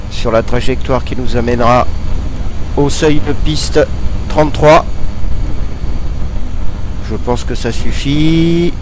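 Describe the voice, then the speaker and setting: A man's voice: medium pitch, slight background noise, rough recording. A man giving a casual, hesitant, step-by-step pilot's commentary on a flight.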